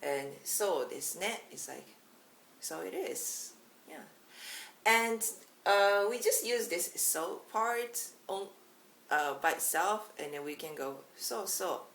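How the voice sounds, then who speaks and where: A Japanese woman in her thirties with a Japanese accent gives a casual language lesson in a low voice with a lively, rising and falling melody. She speaks slowly and carefully, filling pauses with "uh." The room is echoey, with faint hiss behind her. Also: gravelly. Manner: slow, careful explanations with frequent "uh" fillers and example phrases. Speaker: language teacher. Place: small bright indoor room.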